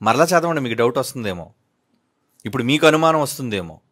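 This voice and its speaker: A man preaching a sermon who reads scripture slowly and keeps putting questions to his listeners, with strong emphasis. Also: medium pitch, expressive, fairly bright tone. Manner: questioning, emphatic, drawn-out readings. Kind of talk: sermon with bible reading.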